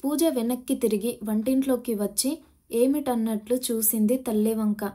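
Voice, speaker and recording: Mellow woman narrating an audio story. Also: fairly high pitch, normal speed.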